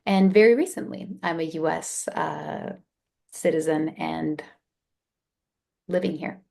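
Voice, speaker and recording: A woman's voice: low voice, takes it slowly, vocal fry, warm tone. A woman in her thirties, born in Albania and raised in Canada, chatting as an interview guest in a friendly way. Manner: friendly, chatty, some restarts. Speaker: guest, company founder. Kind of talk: casual interview chat.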